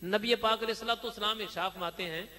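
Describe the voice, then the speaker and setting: A man's voice: high voice, fast, bright, forceful tone. A man preaching a sermon, exhorting listeners with chanting repetition. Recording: long hall reverb.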